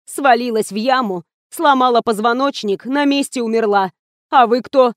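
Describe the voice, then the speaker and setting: A harried, excitable theatre administrator with a slightly high voice, as a woman reader voices her. She sounds worn out and rushed, recorded dry and close for an audiobook. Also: no room sound, close to an everyday voice. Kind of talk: audiobook character reading.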